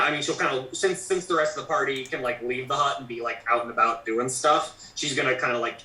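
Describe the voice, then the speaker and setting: A man chatting casually as a player in a tabletop game, haltingly thinking aloud. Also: medium pitch, bright, forceful tone. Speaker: tabletop role-playing player. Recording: roomy, distant mic, faint noise.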